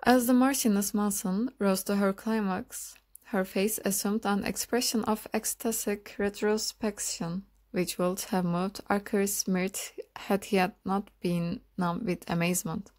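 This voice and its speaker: Woman reading an old novel aloud, calm and measured, mid pitch. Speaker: audiobook reader. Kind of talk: audiobook narration.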